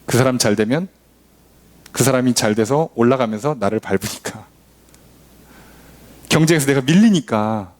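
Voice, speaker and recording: Animated Korean pastor preaching. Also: male voice, normal speed, long pauses. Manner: acts out quoted voices, shifting pitch often; animated preaching, rhetorical questions. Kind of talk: sermon. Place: church.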